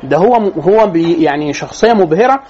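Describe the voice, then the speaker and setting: A man's voice: on the high side, expressive, a little fast, dark tone, dull audio. A man with an Egyptian accent giving an informal psychology lecture to a class, chatty and joking, often restarting his phrases. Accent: Egyptian Arabic.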